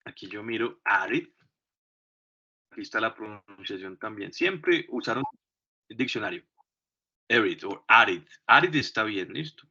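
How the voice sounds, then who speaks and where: A man with a Colombian Spanish accent gives a classroom English lesson at an unhurried pace. His voice is bright and forward. He explains patiently, checking that everyone follows, and the recording is dull and lo-fi. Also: lowish voice, animated, slightly rough. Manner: patient, explains step by step, often checks in with "listo". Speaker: English teacher.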